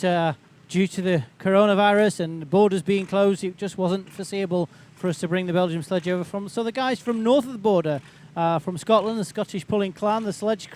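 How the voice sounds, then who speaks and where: A man's voice: high voice, brisk, few pauses, darkish tone, slight background noise. A man working as a tractor pull announcer, giving live, chatty, rambling commentary outdoors. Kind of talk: live unscripted event commentary. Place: outdoors at a tractor pulling event.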